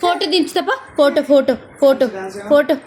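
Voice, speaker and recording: A woman's voice: high voice, normal speed, a little mellow, slight background noise. A young woman, talking playfully to a baby in repetitive, coaxing, sing-song questions.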